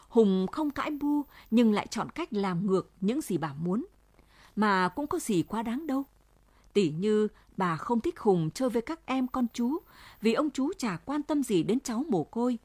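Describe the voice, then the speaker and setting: A woman reads a story aloud with calm, steady tenderness. Her voice sits at a medium pitch. It is recorded close and completely dry. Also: no room sound. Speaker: audiobook narrator. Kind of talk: story narration.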